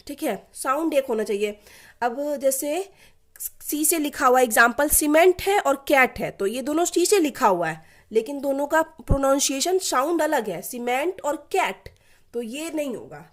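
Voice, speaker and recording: A woman tutoring literature students for an exam, reading English definitions slowly and then explaining each point again in simpler words. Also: sits high. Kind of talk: exam-prep lesson, mixing Hindi and English.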